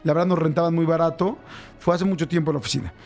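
A Mexican man hosting a radio show talks quickly with a slightly high voice, animated as he acts out noises and voices. He tells his story casually. Faint music sits behind him. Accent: Mexican Spanish. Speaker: radio host. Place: radio studio.

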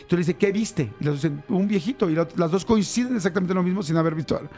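Fast-talking Mexican radio host. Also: male voice, high-pitched, faint music behind. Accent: Mexican Spanish. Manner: animated, acts out sounds and voices. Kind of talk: casual radio storytelling. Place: radio studio.

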